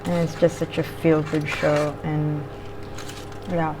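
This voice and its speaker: A woman with a slightly low voice talks informally while eating, drifting from thought to thought in a casual mukbang style. She swears casually now and then, and there is clear noise behind her. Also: level tone, slow. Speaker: vlogger eating on camera while reviewing a show. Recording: clearly audible background noise.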